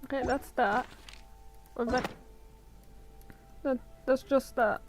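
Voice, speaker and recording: A young woman streaming a game live, muttering to herself and then shrieking in panic and excitement at the screen. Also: sits high, takes it slowly, soft background music. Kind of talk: live gaming stream commentary.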